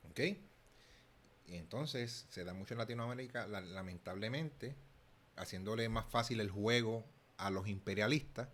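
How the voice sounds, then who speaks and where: A young man from Puerto Rico, a channel host with a Puerto Rican Spanish accent, gives casual commentary in a fairly low voice with slight background noise. He thinks aloud, often restarting and repeating words.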